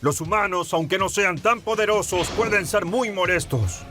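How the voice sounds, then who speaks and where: A man's voice: high-pitched, normal speed, bright, forceful tone, soft background music, pitched above the performer's own voice. Man doing an imperious angel warrior, cold, serious, commanding, storybook narration.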